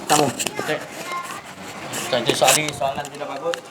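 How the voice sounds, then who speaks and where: A man with a Malaysian Malay accent delivers a sermon as a religious teacher. He talks in a conversational way and keeps tossing rhetorical questions at his listeners. There is a clear noise running behind his voice. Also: a little high, level tone, moderate pace. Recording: noisy recording.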